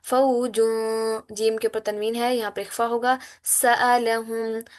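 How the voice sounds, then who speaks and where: A woman teaching an online Quran recitation class, explaining letter sounds patiently and chanting verses in a slow, melodic way. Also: a little high, level tone. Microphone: computer mic on a video call.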